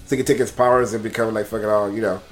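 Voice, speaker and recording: Relaxed joking man on a podcast. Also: on the low side, rapid-fire, faint music behind. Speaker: podcast co-host. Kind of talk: casual movie chat.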